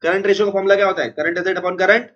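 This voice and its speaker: A man teaching an accounts class, unwell with a strained chest, repeating formulas slowly and scolding noisy students. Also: high-pitched, steady tone, a bit bright, muffled recording. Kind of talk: classroom lecture.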